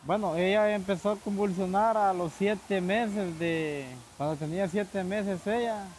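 A young Honduran man in his twenties with a fairly high voice answers questions haltingly, often repeating himself. A faint hum of background noise sits under his voice. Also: darkish tone, poor audio. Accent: Honduran Spanish. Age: 20s. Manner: hesitant, repeats words, many fillers. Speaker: interview guest, migrant father.

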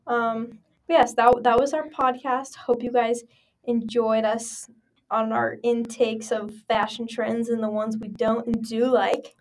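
A woman's voice: fairly high pitch, little pitch movement, a little slow. A young woman co-hosting a casual podcast, giggling and saying "like" a lot. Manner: giggly, says "like" often. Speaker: podcast co-host. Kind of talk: casual chat.

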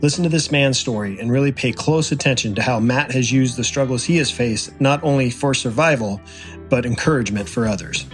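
A man's voice: medium pitch, brisk. A male podcast host reading an enthusiastic scripted introduction of his guest. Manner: enthusiastic announcer read. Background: faint music.

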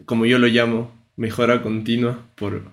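Man, interview host, flat even delivery, reflective, summarizing. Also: medium pitch, normal speed. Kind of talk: casual interview talk.

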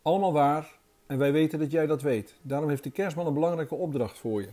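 A man's voice: on the high side, a little fast, warm tone, lightly acted. A man voicing a talking male deer in a storybook, who speaks earnestly and urgently as a messenger.

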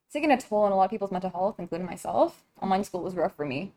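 Chatty teenage girl with a mellow voice. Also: mid-range voice, expressive, racing. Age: teens. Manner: chatty, filler-heavy, giggly. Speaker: student. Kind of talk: casual chat.

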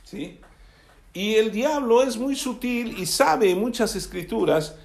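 A man's voice: extremely high pitch, lively intonation, slow pace, creaky, darkish tone. Echoey man preaching a sermon. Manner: asks the congregation "¿sí?" often. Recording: echoey room.

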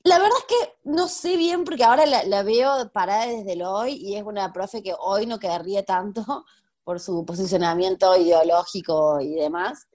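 A history teacher in her thirties with a Rioplatense Spanish accent chats casually in an interview, laughing often and using lots of fillers. Her mid-range voice is a little mellow, and she keeps a moderate pace.

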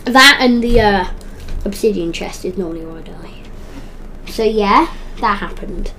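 A woman hosting a podcast, chatting casually about a video game in a rambling, excitable way and often correcting herself mid-sentence. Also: mid-range voice, measured pace, a little hiss or hum. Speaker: podcast host. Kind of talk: casual gaming chat.

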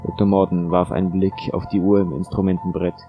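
A man narrating a thriller audiobook in a steady, measured way. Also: deep voice, highs cut off, faint music behind.

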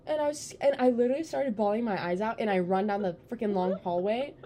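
A young woman co-hosting a casual chat podcast, telling stories in an animated way and acting out her younger self. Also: medium pitch, fast talker. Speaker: podcast co-host.

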